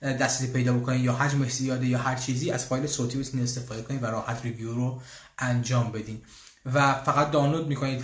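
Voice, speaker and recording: Chatty man in an echoey room. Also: medium pitch. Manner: chatty, pauses with fillers and restarts. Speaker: language school host answering questions. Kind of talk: casual live Q&A. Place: room in Austria, church bells heard.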